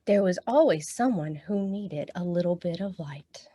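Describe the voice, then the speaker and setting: A woman's lowish, animated voice comes at a moderate pace against background noise. Leading a storytime of songs and picture-book reading, she talks encouragingly to her young audience and reads to them.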